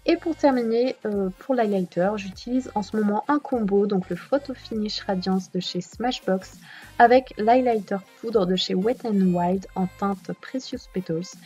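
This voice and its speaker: Woman beauty vlogger, kinda husky, chatty voice-over, lots of ums, faint music under it. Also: mid-range voice, unhurried. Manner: chatty, with frequent filler hesitations. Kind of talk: voice-over narration of a makeup routine. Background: soft background music.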